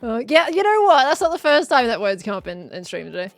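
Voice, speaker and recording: A woman's voice: on the high side, big pitch swings, fast talker, no echo. A woman streaming a game, chatting casually in a playful, teasing way. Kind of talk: casual chat while gaming.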